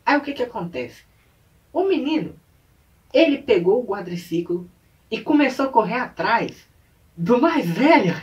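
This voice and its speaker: Lively man telling a story, slightly off-mic. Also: extremely high pitch, unhurried, pauses often, far from the mic, lo-fi sound. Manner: animated, acts out sounds and voices. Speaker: vlogger. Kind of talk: storytelling vlog. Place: indoors at home late at night.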